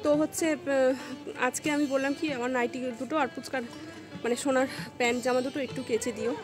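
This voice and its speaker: Chatty high-voiced woman vlogger. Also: steady tone, quick pace, over music. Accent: Bengali. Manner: chatty, rambling, addresses viewers as friends. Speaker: family vlogger. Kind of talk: casual chat to viewers.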